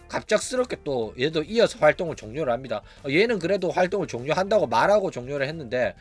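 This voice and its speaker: A man hosting a casual commentary channel, talking bluntly and animatedly with frequent rhetorical asides. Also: a little high. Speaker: VTuber news channel host.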